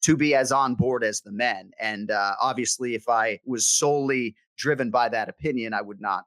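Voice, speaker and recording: A man's voice: mid-range voice, fairly bright tone, no room sound. Jokey male podcast co-host, dry sound. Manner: jokey, teasing, quick banter. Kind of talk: casual sports podcast chat.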